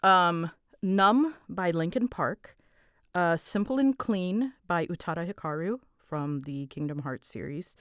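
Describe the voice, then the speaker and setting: Smooth and unhurried, her low-leaning voice comes through clean studio sound without echo. She's a voice actor and audio creator taking listener questions in a loose, unscripted way, nervously giggling, rambling, and bouncing between ideas while cutting herself off.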